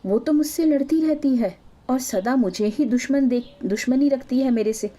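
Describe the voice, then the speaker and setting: A woman voicing a harsh, quarrelsome widowed neighbor who scolds and taunts in a raised, shrill voice. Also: a little slow, mellow. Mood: indignant.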